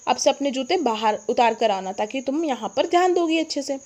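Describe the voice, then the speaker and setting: A woman reading the part of a stern schoolteacher who scolds a pupil, in a high voice. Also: lively intonation, a little fast, a little mellow. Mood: scolding.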